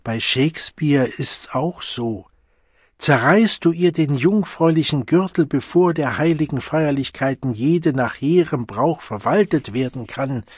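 Guy doing an overwrought lovesick young man in an audiobook, raised pleading voice, bit husky, dry sound. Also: a little high, unhurried, dry recording, pitched above the performer's own voice. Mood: reciting. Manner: pleading, impassioned, quoting verse.

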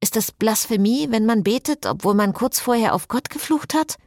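A woman's voice: a little high, lively intonation, moderate pace, no room sound, clean studio sound, voice pushed up. A woman voicing an anxious, fretful woman in an audiobook. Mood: worried. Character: anxious worried young woman.

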